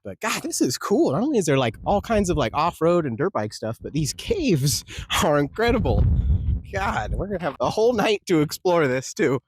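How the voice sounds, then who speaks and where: A young man narrating his road trip as a travel vlogger, chatty and relaxed, easily impressed by what he finds. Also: a little high, moderate pace, background noise. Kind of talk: casual travel vlog narration. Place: desert campsite and caves outdoors.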